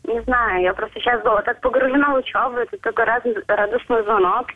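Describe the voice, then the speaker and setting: Young woman w belarusian accent, highish voice, chatting playfully over a tinny phone line. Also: fast, no room sound. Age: young adult. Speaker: phone-in guest on a radio show. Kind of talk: casual chat. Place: on a phone call. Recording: thin narrowband telephone line.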